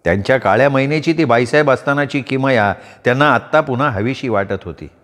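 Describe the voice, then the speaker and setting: A man narrating a novel aloud as a storyteller, with an expressive, varied delivery. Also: mid-range voice, brisk. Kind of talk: dramatic audiobook narration. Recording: long reverb.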